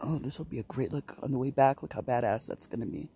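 A man's voice: mid-range voice, fast talker, gravelly, mellow, breathy edge. A man vlogging from a mountain chairlift outdoors, teasing and reassuring his friend between laughs. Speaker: vlogger filming the ride. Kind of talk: casual chat.

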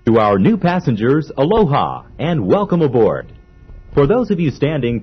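A man giving polite, measured onboard train announcements in a formal manner. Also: mid-range voice, husky. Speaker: transit announcer. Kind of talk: recorded monorail announcements. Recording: dull lo-fi old recording.

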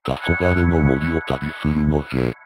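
A man's voice: very deep voice, fairly even intonation, measured pace, voice pushed down. A man voicing an ancient male spirit who speaks in a grave, old-fashioned, commanding way as a guide in a game video. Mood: solemn. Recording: game video with loud background music.

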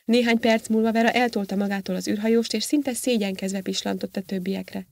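A woman's voice: mid-range voice, steady tone, creaky, darkish tone, no room sound. Woman narrating a sci-fi audiobook. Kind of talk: scripted narration.

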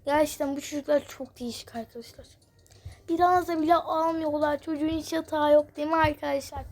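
A chatty host signing off a game role-play video, speaking straight to her viewers. Her voice sits high and bright. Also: fairly even intonation, fairly quick. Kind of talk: casual sign-off to viewers.

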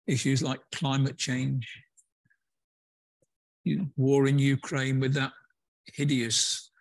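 Husky-voiced man preaching a sermon. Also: medium pitch, no echo. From England. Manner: conversational, with hesitant fillers and restarts. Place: church.

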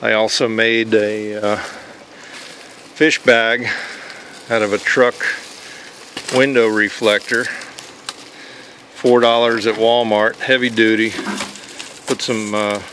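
A man walking through his homemade kayak fishing setup outdoors in a relaxed, plain-spoken way, pausing often with "uh". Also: lowish voice, a little hiss or hum. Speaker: kayak angler showing his gear. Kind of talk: casual show-and-tell walkthrough. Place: outdoors on a paved driveway.

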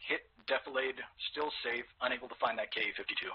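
A man's voice: medium pitch, fast talker, dull audio, slight background noise. A man making clipped military radio calls over a walkie-talkie while playing a squad game. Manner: clipped radio procedure talk.

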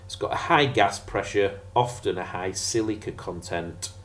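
A man's voice: low voice, moderate pace, fairly bright tone. A man teaching a casual geography revision lesson over slides, chatty and jokey with sarcastic asides.

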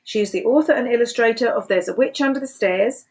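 A woman in her sixties reads a picture book aloud to young children at home, using a sing-song storytelling voice and asking them questions. Her voice is a little high and a little mellow, and she talks fast. A desk webcam records her in a small indoor room.

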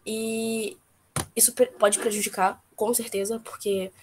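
A young woman with a cold telling a casual personal story, blunt and lively, with many fillers. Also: a little high, measured pace, background noise. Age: young adult. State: has a cold. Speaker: workshop participant.

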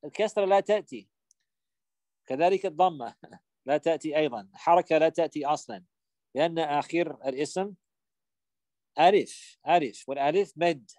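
Guy teaching grammar class, voice a bit high, keeps repeating words and quizzing, dry close sound. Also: a little mellow, no room sound. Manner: repeats key terms, quizzes students, switches to English to explain.

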